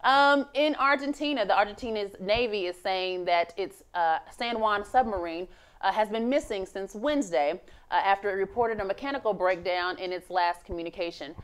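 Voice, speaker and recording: A woman's voice: medium pitch, normal speed, clean tone. A woman hosting an online news show, reading the headlines in a casual, unpolished way with frequent "uh" fillers. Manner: reads with many "uh" fillers, laughs easily.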